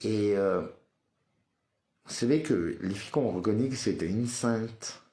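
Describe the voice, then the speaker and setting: A man with a fairly low, warm voice speaks a little slowly in an echoey room during a live social media monologue. As a live streamer, he chants a repeated apology mantra, turns blunt and confrontational toward viewers, and hesitates with frequent "euh" fillers.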